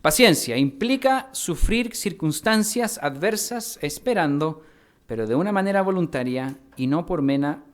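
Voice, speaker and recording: A man from Mexico, a pastor preaching a teaching sermon, spelling out words slowly and putting questions to his congregation. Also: fairly high pitch, a little mellow. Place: church hall.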